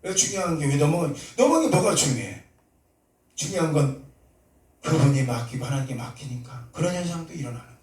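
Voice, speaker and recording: A male pastor preaching a sermon, telling a story and acting out prayers and dialogue, sometimes rising to loud, fervent cries. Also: fairly high pitch, very animated, fairly quick. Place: church sanctuary. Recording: echoey church hall, mic at a distance.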